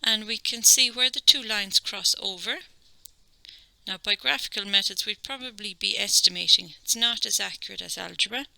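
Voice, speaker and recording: A woman's voice: mid-range voice, normal speed, vocal fry, pushed and bright, no room sound, poor audio. A woman with an Irish accent teaching a maths lesson, explaining each step patiently and checking in with "okay?".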